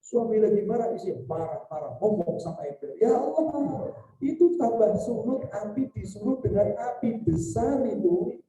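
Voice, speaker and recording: A male preacher gives a humorous sermon and keeps putting questions to his audience. His voice is very dark and mellow. It carries through an echoey event hall from a mic set well away from him. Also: sits high, lively intonation, moderate pace, distant mic. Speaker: Islamic preacher. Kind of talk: sermon on marriage at a celebration.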